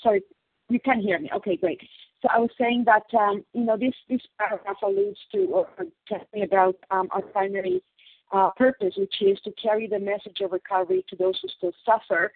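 A husky woman speaks over a crackly, tinny phone line that keeps fading in and out. She explains things earnestly and comes back to the same key phrases. The call sounds dry and close. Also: medium pitch, expressive, brisk, no room sound. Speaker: meeting participant sharing. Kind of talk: sharing at a recovery phone meeting.

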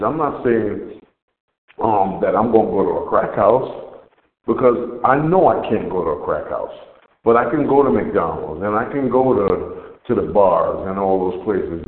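A man sharing at a recovery meeting over the phone, his voice ringing as if in an echo chamber, often repeating and restarting his words. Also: fairly low pitch. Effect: echo chamber sound over a phone line. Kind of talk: rambling personal share. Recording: echoey, roomy phone line.

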